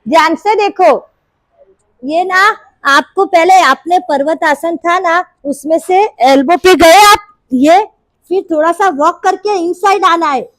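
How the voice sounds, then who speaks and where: A high-pitched woman leads a group yoga class at an unhurried pace, her throat a little sore. She counts out reps and scolds and coaxes students to hold their poses. The sound is dry and close. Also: no room sound, low-quality recording. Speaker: yoga teacher. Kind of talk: live group class instruction. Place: indoor yoga class room.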